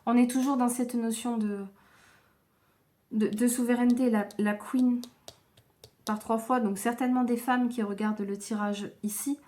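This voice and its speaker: Tired, gentle woman reading tarot. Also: fairly high pitch, steady tone. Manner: slow, gentle, reflective delivery with hesitations. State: tired and low-energy. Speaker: tarot card reader. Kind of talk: tarot reading addressed to viewers.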